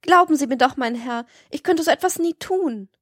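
A woman's voice: high-pitched, moderate pace, no room sound, voice pushed up, natural voice. A frightened girl voiced by a woman reading pleads in a raised, tearful voice. The sound is dry and close, as in an audiobook. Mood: pleading.

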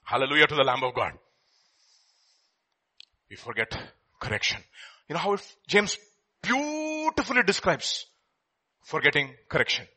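High, animated Indian male preacher. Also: normal speed, long pauses. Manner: emphatic, rhetorical questions and repetition. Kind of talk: impassioned sermon with scripture quotes and questions to congregation.

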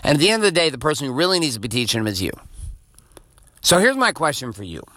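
A man's voice: mid-range voice, big pitch swings, fast, bright, forceful tone, no echo, studio quality. A man in his forties hosting a podcast, giving a blunt, profane motivational monologue. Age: 40s. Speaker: podcast host.

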